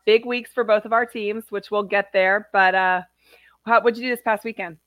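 A woman podcast host chats casually in a hoarse, raspy voice, as if she has lost it to a cold. She tells stories in an easy, talkative way, and the sound is dry and close. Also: mid-range voice, steady tone, normal speed, a bit bright, no echo. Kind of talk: casual chat.

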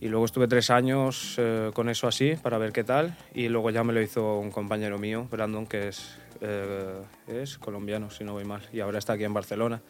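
A man in his twenties from Portugal, a podcast guest chatting casually and relaxed, laughing often and trailing off softly. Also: on the low side, a little fast, hardly any pauses, soft background music. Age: 20s. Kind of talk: casual chat.

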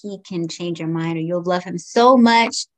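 A woman in her forties, originally from Guyana and raised in the United States, answers interview questions thoughtfully and candidly as a podcast guest. Her voice is lowish and a little mellow, and she speaks at a normal speed.

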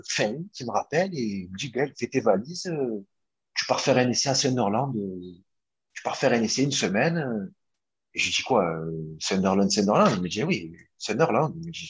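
A young man, a former footballer, telling a long story in a casual interview, animated, with lots of fillers and restarts. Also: mid-range voice, normal speed, breathy edge.

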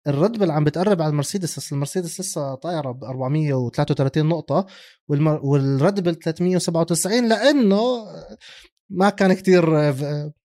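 A man with a Levantine Arabic accent talks sports in a casual co-host style. His voice sits a little high and he speaks extremely quickly, slipping English terms into his sentences. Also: mellow. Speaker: motorsport podcast co-host.

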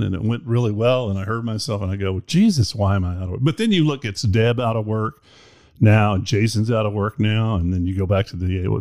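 Brief: male podcast host, low voice, dry close sound, rambling chatty delivery. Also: mellow, no echo. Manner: rambling, chatty, self-deprecating. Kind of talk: casual chat. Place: indoor room.

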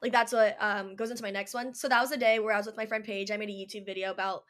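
A woman's voice: mid-range voice, little pitch movement, rapid-fire, a bit bright. A young adult woman chatting casually as a podcast guest, bubbly and full of fillers like "like". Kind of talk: casual chat.

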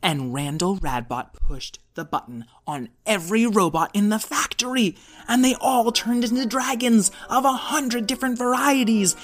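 A man's voice: high voice, moderate pace, background noise. A man narrating a scripted story for children as a storyteller.

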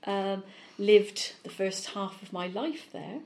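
A woman's voice: mid-range voice, takes it slowly, a little mellow. Woman, Bristol West Country accent, rolled R's, chatty, middle-aged, interview guest. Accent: Bristol (West Country), softened by South Wales. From Bristol, England. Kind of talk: conversational interview.

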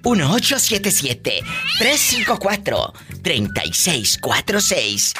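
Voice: medium pitch, wildly swooping pitch, slow, loud music behind the voice. A radio host hosting a comic live call-in show, sassy and theatrical, teasing the callers.

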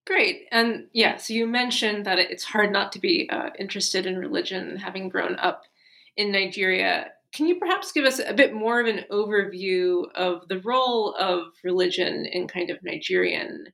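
Female interview host, courteous and measured. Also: mid-range voice, creaky, fairly bright tone. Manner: polite, measured questions. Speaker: podcast host. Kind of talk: interview hosting.

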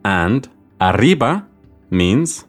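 A man hosting a scripted language lesson, speaking slowly and clearly and repeating phrases. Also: on the low side, very animated. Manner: slow, clear teaching delivery with repeated phrases. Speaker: language teacher and host. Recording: faint guitar music underneath.

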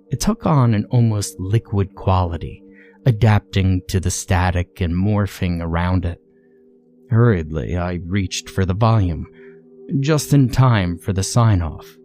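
Soft music plays beneath a man's low, dark and mellow voice as he narrates a first-person creepypasta. He speaks in a measured, deliberate way, bringing a storyteller's flair for drama.

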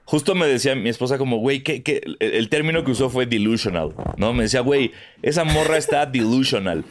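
A man with a Mexican accent co-hosting a podcast, telling stories in a lively, slangy way. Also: medium pitch, fast, a little hiss or hum. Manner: animated storytelling, slangy. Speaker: podcast co-host. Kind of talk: casual chat.

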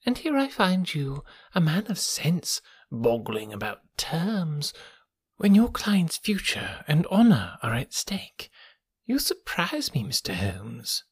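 Man voicing a smug blackmailer for an audiobook: high, whispery purr, sing-song and mocking. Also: huge pitch swings, slow, no room sound, heavily acted. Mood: silky, mocking. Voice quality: soft, breathy, half-whispered purr. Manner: silky and mocking, lingering on words. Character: oily, smug gentleman blackmailer, middle-aged man. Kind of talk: audiobook character reading.

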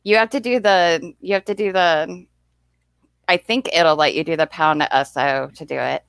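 A woman's voice: lowish voice, moderate pace, creaky, smooth, no echo. A young woman from the United States hosting a livestream, chatting in a rambling way and often thanking viewers. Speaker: livestream host. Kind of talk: casual stream chat.

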